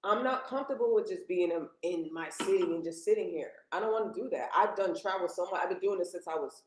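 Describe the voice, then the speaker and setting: A woman's voice: fairly low pitch, fast talker, echoey room, rough recording. A woman in her thirties speaking bluntly and plainly as a guest in a casual podcast conversation, with slangy phrasing. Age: 30s.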